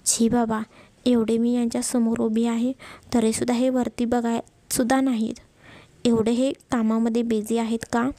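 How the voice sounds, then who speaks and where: A woman's voice: fairly high pitch, little pitch movement, moderate pace, warm tone, no echo, natural voice. A woman voicing a stubborn, sulking young wife who pouts and complains. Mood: fretful. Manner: sulky, pouting complaints.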